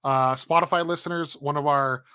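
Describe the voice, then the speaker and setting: Bright, chatty podcast co-host man. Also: a little high, normal speed, clean tone, dry recording, studio quality. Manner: laughs easily, chatty and animated. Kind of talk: casual gaming podcast chat.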